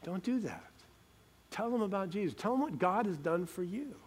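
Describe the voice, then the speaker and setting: A man's voice: high voice, lively intonation, moderate pace, slightly rough. A man preaching a sermon, emphatic and rhetorical, asking questions and reading scripture aloud.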